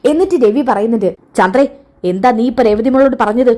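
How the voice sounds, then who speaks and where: A woman retelling a TV serial episode in a lively way, switching quickly between all the characters' lines. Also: a little high. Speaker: serial recap narrator.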